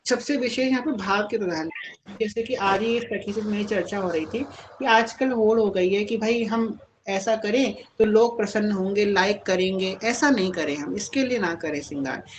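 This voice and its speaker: A woman guiding devotees in a live question-and-answer talk, speaking gently and patiently. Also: mid-range voice, normal speed, muffled recording, slight background noise. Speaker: spiritual guide answering devotees.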